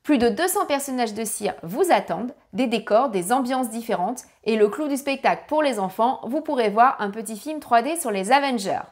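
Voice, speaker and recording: A woman with a slightly high voice narrates a family travel guide full of practical tips. Every so often she apologizes for her English pronunciation.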